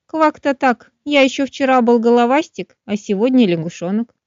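A woman voicing a curious, cheerful little male froglet in a storybook, drawing out croaky words slowly. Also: a little high, lively intonation, darkish tone, no room sound, pitched above the performer's own voice, close to an everyday voice. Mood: eager. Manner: slow, wondering, drawn-out croaky 'kvak' sounds. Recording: dull, dry studio sound.

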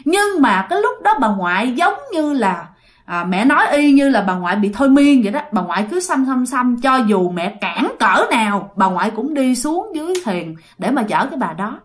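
A woman with a Southern Vietnamese accent telling a ghost story in an animated way, speaking straight to her listeners. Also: on the high side, moderate pace.

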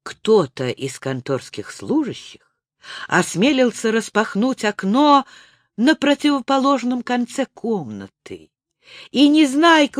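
Woman narrator, children's audiobook, slow, expressive, close mic, dry sound. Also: fairly high pitch, dry recording.

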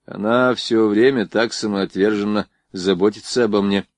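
A man's voice: on the low side, fairly even intonation, moderate pace, no room sound, lightly acted. A man reading an audiobook, voicing a polite, shy young officer who speaks formally.

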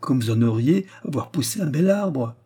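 A man voicing a gruff, irritable old professor who grumbles and flares up. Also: medium pitch, expressive, normal speed, warm tone. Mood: angry.

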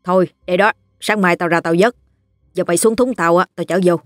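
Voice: mid-range voice, fairly even intonation, fairly quick, no room sound, clean studio sound, faint music behind, close to an everyday voice. A storyteller voicing a blunt, practical older fisherman. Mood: gruff. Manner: blunt, brusque.

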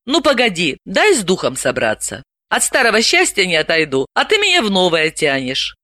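A woman reading an audiobook, voicing a tired, measured woman psychologist in her thirties. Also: on the low side, huge pitch swings, bright, forceful tone, dry recording, heavily acted. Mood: calm.

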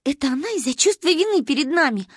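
A woman voicing an excitable, bold little girl who chatters shrilly and insistently. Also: very high voice, normal speed, dry recording, clean studio sound, voice pushed up. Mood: excited, pleading.

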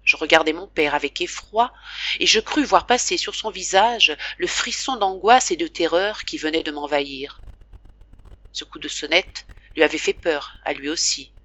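Bright-voiced woman reading a novel. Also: low voice, dry recording. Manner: slow, emotive, dramatic reading. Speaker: audiobook reader. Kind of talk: scripted narration of a classic novel.

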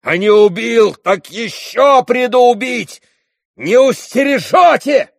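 A man's voice: fairly high pitch, lively intonation, measured pace, gravelly, a bit bright, no echo, clean studio sound, voice pushed up, full character voice. A male reader voicing a wild, passionate young man who pants and declares fiercely. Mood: vengeful.

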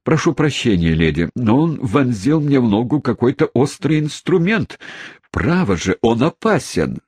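A man voicing a kindly, courteous gentleman who is easily alarmed, in a storybook reading. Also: mid-range voice, sing-song, normal speed, breathy edge, no echo, studio quality, voice pushed up. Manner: polite, fussy and easily alarmed.

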